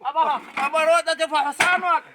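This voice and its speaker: A man's voice: very high-pitched, fairly even intonation, fairly quick, background noise. A man playing a scheming clover thief. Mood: hushed scheming. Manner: bossy, hushing others in loud whispers. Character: scheming village man sneaking to steal clover.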